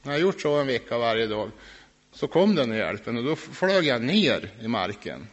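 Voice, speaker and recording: A man telling his personal faith testimony about his past drinking, earnest and reflective, now and then laughing softly. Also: mid-range voice, big pitch swings, dull audio. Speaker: former alcoholic sharing his faith testimony.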